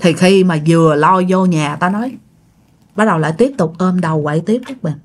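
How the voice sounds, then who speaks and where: A woman's voice: lowish voice, fairly quick. A woman telling a ghost story in a chatty way, talking straight to her listeners. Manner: chatty, addresses listeners directly.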